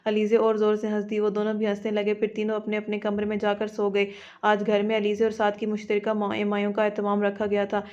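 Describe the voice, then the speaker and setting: A woman narrating a romantic audio novel in a steady, level storytelling voice. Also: medium pitch, fairly quick. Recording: dull lo-fi audio.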